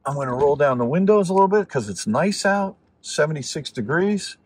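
Husky-voiced man vlogging from his car. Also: a little high, animated, fairly quick, darkish tone, no echo. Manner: rambling, thinking aloud with fillers and restarts. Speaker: vlogger reviewing electric cars. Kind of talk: casual talk while driving. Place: inside a car.

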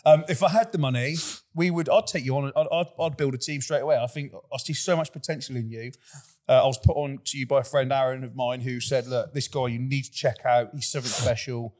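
A man's voice: mid-range voice, fairly even intonation, brisk, a little mellow. A man hosting a casual podcast, rambling and repeating words as he starts sentences, often laughing between lines. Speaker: podcast host.

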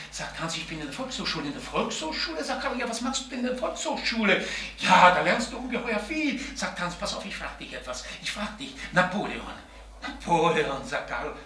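An actor playing an older stand-up entertainer, animated in his jokes and bitter when he is hurt. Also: sits high, echoey room, a little hiss or hum. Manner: animated joke telling, then bitter and sharp. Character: aging entertainer, vain and touchy.

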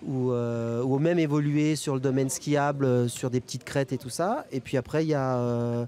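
Outdoors at a snowy ski resort event, a young man who skis freeride talks into a handheld reporter mic as an interview guest. He speaks casually and colloquially with some hesitation, in a steady, dark-toned, medium-pitched voice at a moderate pace.

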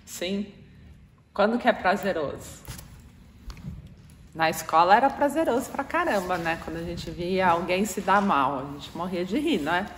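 A woman's voice: fairly low pitch, animated, normal speed, long pauses. A woman with a Brazilian Portuguese accent giving an informal spiritual talk, chatting with a live audience and keeping on asking them for replies. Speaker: speaker addressing an audience. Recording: echoey hall with faint noise.

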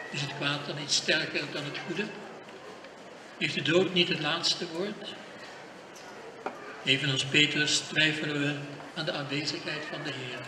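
An older man, a priest, giving a solemn funeral sermon and reading scripture aloud. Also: on the high side. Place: church during funeral service. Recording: echoey hall from far off, noisy.

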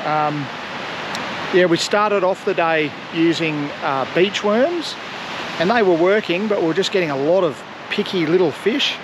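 A man's voice: sits high, unhurried. A middle-aged man talking casually about fishing on an open beach, recorded on a handheld camera. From Australia. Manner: excited outdoor commentary, loose and chatty. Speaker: fishing vlogger. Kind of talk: casual running commentary. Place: open ocean beach outdoors. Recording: loud surf and wind noise. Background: crashing waves and wind.

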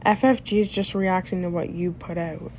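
A woman's voice: on the low side, fairly even intonation, moderate pace, a little mellow, a little hiss or hum. A woman hosting a reaction video, giving sarcastic commentary that rebuts the clip.

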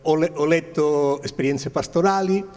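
An older man with a Spanish accent tells his recollections to an audience. His voice sits a little high and he gropes for words as a non-native speaker. It rings through a large hall over a PA. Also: a little mellow. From Spain. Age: 70s. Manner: halting, searching for words in non-native Italian. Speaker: guest speaker. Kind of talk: informal recollection addressed to an audience. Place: large glass-walled hall, indoors. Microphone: handheld microphone.

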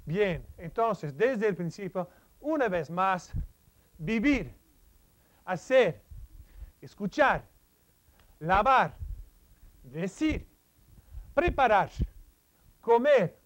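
A man's voice: high voice, sing-song, very slow, long pauses. A man teaching a vocabulary lesson who acts out each action, then has the class repeat the verb after him, with a few small stumbles. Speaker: language teacher. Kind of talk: vocabulary lesson acting out verbs.

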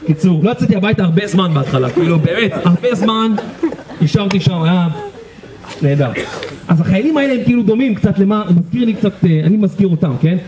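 A man guiding a tour group outdoors, telling lively anecdotes and laughing as he talks. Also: high voice. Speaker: tour guide. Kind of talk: storytelling lecture to a tour group. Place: outdoors at a historic site. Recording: muffled outdoor recording with faint ambience.

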